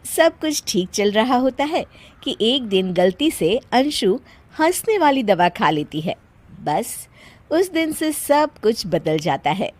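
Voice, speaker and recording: A woman narrating a cartoon story in a calm, even storytelling manner. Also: a little high, takes it slowly.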